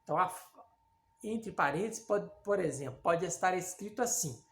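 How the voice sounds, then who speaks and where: A woman with a Brazilian accent teaches a literature class in a lively, rising-and-falling voice. She talks casually and keeps checking in with her students. The room around her is noticeably echoey. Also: on the low side, moderate pace. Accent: Brazilian Portuguese. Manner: lively and conversational, many fillers and check-ins with students. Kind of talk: recorded online class lecture.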